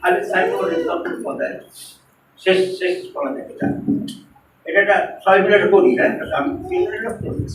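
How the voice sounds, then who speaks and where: A man's voice: sits high, sing-song, brisk, slight background noise. A man with a Bengali accent giving a seminar talk, engaging the audience with hands-on exercises. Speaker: seminar speaker. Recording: roomy echo from far off.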